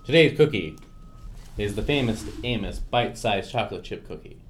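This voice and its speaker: A man's voice: fairly low pitch, animated, normal speed, a little hiss or hum. A man co-hosting a podcast and running a comedic debate segment with a teasing manner. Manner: teasing, jokey. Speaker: podcast co-host and moderator. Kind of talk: casual comedic chat.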